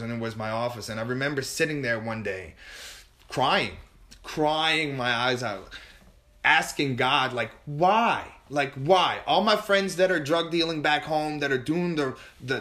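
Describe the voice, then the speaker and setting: A man guest in an interview telling a candid personal story, animated and emotional, often restarting and repeating words. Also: medium pitch. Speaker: podcast guest.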